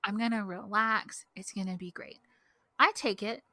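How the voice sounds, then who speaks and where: A young woman, co-hosting a podcast and telling a story in casual chat, animated and full of "like", acting out what people said. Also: mid-range voice, normal speed. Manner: animated, heavy use of "like", acts out quotes. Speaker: podcast co-host. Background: dog barking outside.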